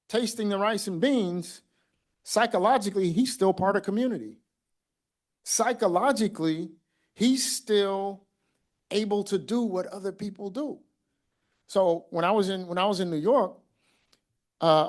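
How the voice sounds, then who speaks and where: A man from Mississippi giving an animated, conversational conference talk as a kidney doctor, acting out what he tells patients. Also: sits high.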